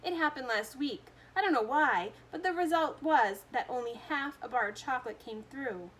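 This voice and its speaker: A woman's voice: high voice, normal speed, a bit bright, slight background noise. A woman doing a fussy, eccentric chocolatier. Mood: fretful. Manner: theatrical exclamations.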